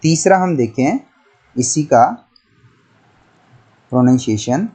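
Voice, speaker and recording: A man's voice: mid-range voice, expressive, slow pace, mellow, husky. A man teaching an English grammar lesson, methodical and repetitive, spelling words out letter by letter. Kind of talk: classroom-style lesson explaining pronunciation.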